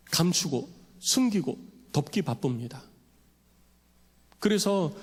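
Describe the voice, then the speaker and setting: A man preaching a Sunday sermon as pastor in a church sanctuary, lively and dramatic, acting out the voices he quotes. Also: fairly high pitch, husky. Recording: long church hall reverb.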